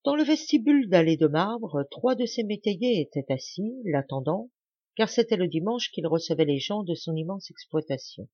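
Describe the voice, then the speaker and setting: A woman reading a classic novel aloud in an expressive, dramatic narration, recorded dull and muffled. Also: on the low side, moderate pace, slightly rough, no echo. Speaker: audiobook reader. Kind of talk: scripted literary narration.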